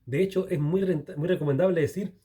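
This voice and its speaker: A man teaching the Bible in a loose, conversational way, earnest and turned toward the viewer. His voice sits a little high for a man but has a mellow, warm tone. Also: quick pace. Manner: earnest, speaks straight to the viewer. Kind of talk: informal video Bible teaching.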